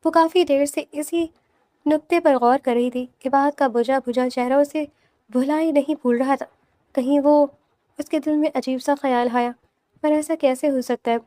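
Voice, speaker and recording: High-voiced woman narrating a novel. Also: steady tone, dark tone, no echo. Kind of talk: scripted audiobook narration.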